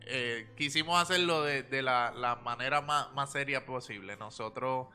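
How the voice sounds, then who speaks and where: A man's voice: mid-range voice, moderate pace, pushed and bright, smooth, faint music behind. A man co-hosting a casual podcast, talking in a playful, stumbling way with restarts. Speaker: podcast co-host.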